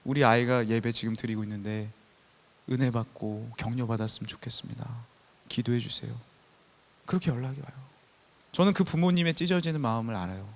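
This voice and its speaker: A man in his thirties preaching a sermon, telling stories and swinging from soft passages to loud, emphatic ones. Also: medium pitch, brisk, vocal fry. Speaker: pastor. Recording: long church hall reverb.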